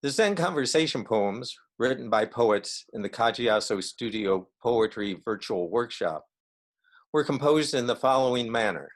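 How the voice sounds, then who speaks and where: Guy hosting a poetry night, even measured reading, mid pitch voice. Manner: measured, explanatory delivery. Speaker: event presenter and poetry reader. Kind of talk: formal introduction and poetry reading.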